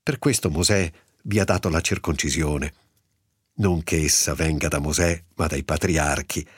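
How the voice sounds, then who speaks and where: Jesus as a calm, commanding teacher, voiced by a man reading aloud. The voice sits low and a little husky, delivered in a measured, solemn cadence. Dry sound with no room around it. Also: no echo.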